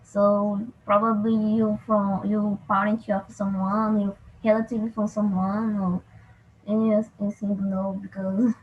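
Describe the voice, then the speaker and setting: A woman's voice: mid-range voice, level tone, unhurried. A woman from Brazil with a Brazilian accent, a native Portuguese speaker searching for English words as she talks in a casual group discussion. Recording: dull lo-fi mic with faint background noise.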